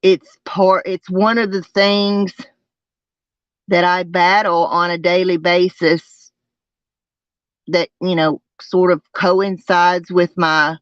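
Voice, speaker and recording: Slow, twangy Southern US livestreamer, unclear recording. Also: mid-range voice, clear, resonant tone, no echo. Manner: halting, repeats phrases. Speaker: livestream host. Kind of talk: casual livestream chat. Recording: dull lo-fi sound.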